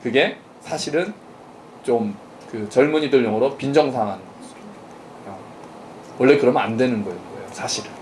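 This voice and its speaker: Lively-voiced pastor preaching conversationally. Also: male voice, medium pitch, moderate pace, long pauses, slight background noise. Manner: conversational, asks the congregation questions and jokes. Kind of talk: interactive sermon. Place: church service.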